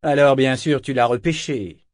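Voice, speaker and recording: A man's voice: medium pitch, a little slow, no echo, pitched above the performer's own voice, close to an everyday voice. Kénit, a man doing a curt, dry pirate captain. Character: stern, sharp-tongued male pirate captain.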